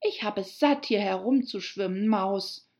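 A woman's voice: medium pitch, measured pace, a little mellow, close to an everyday voice. A woman voicing an eager, polite young girl who chatters on apologetically.

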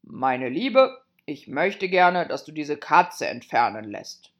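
Woman doing a slow, pompous storybook king. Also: deep voice, very animated, exaggerated voice. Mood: stern. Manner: slow, stern and indignant. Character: pompous fussy male king.

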